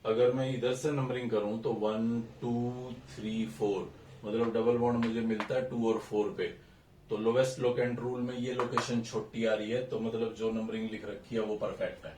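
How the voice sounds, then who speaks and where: A man's voice: mid-range voice, level tone, moderate pace, recorded from a distance, noisy background. A man teaching a recorded chemistry lesson, explaining step by step and counting carbons aloud while mixing English terms into Hindi. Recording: echoey room, voice a bit off-mic, faint ambience.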